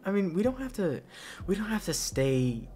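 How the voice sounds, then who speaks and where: In an intimate audio roleplay, a young man plays a goofy, affectionate best friend at a party, stumbling and repeating himself in casual slang. His voice sits high, very animated and warm, carrying an affectionate, nervous mood.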